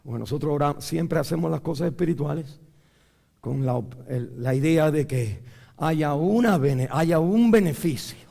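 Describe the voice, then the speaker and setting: A pastor delivering a sermon in a gravelly, fry-edged voice that sits a touch high for a man. He drops to near-whispers on key lines, then climbs and shouts through his climaxes. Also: moderate pace. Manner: preaching with big swings from low murmurs to shouted climaxes.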